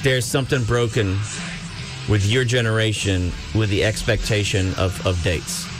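A man's voice: on the low side, fairly even intonation, moderate pace. Blunt male radio host over guitar music. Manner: blunt, crude and opinionated. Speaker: morning radio show host. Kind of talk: casual radio banter.

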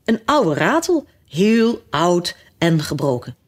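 A woman's voice: fairly low pitch, big pitch swings, slow, full character voice. A woman voicing an earnest, caring young girl who is easily indignant.

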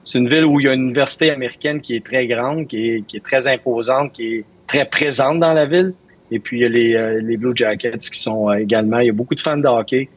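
The recording is rough, and the man talks fast in a mid-range voice. He is a Montreal hockey coach with a Quebec French accent, answering interview questions and hesitating and repeating words as he searches for them.

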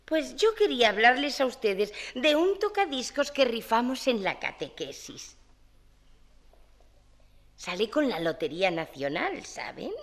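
A woman's voice: a little high, very animated, a little slow. An actress playing a prim, pious lady who politely sells charity raffle tickets, in a 1970s radio play. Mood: polite sweet. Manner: polite, sugary and proper. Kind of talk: 1970s radio drama acting.

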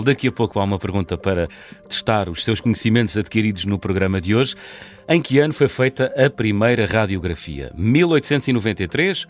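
A man with a European Portuguese accent hosting a science podcast interview, giving brief backchannels and gentle teasing. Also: fairly low pitch. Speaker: radio podcast host.

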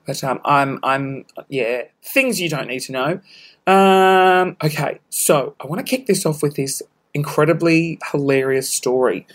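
A young Australian woman hosts a casual solo podcast from a room at home with the balcony door open. Her voice is low and worn hoarse, and she chats unhurriedly in a rambling, self-mocking way full of scattered asides.

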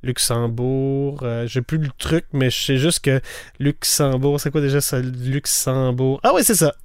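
A man's voice: mid-range voice, unhurried, a little mellow, clean tone, no echo, clean studio sound. A man with a Quebec French accent co-hosting a casual quiz podcast, making up playful puns to remember answers. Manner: playful, punning mnemonics. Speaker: podcast co-host.

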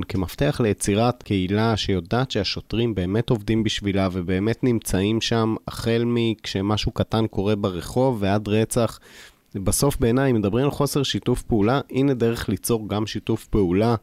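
A man with an Israeli accent giving reflective commentary as a journalist, in a measured, hesitant way. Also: lowish voice, darkish tone, dry recording.

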